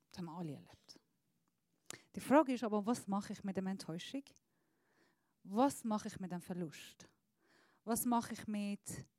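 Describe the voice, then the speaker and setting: A woman preacher giving an earnest sermon, often dropping to a soft, low voice. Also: no echo.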